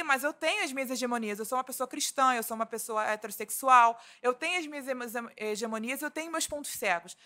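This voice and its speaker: Bright-voiced woman from Rio giving a talk. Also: high voice. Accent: Rio de Janeiro Portuguese. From Rio de Janeiro, Brazil. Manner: earnest, with frequent restarts and fillers. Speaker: labor judge giving a talk. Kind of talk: seminar talk. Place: conference hall.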